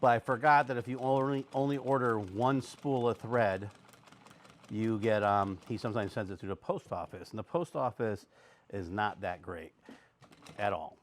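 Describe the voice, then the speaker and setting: A man, a little hoarse from illness, rambling casually about his custom motorcycle seat work. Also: on the low side, moderate pace, slight background noise. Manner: rambling, conversational, lots of fillers. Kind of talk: casual workshop vlog talk.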